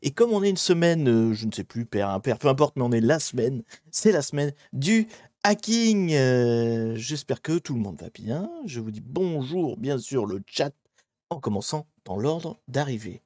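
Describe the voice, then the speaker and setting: A man with a French accent hosting a live stream in a relaxed, rambling way, with lots of fillers and self-corrections. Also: medium pitch, moderate pace, no room sound. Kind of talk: casual live-stream chat.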